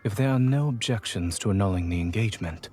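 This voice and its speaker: A man playing a deep-voiced, formal noble bachelor. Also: fast talker, a little mellow, soft background music, lightly acted. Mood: reserved. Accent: non-standard refined accent. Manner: stiff, formal old-fashioned phrasing. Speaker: game character voice.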